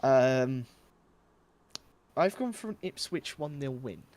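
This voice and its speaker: A man hosting a casual football predictions chat, measured and a little hesitant with fillers. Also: mid-range voice, animated, a little mellow.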